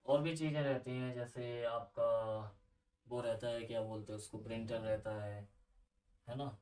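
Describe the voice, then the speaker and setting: A man's voice: mid-range voice, flat delivery, normal speed, a little mellow, roomy sound, recorded from a distance, low-quality recording. A man teaching a computer lesson in a casual, chatty way, asking his students questions and drifting into side stories.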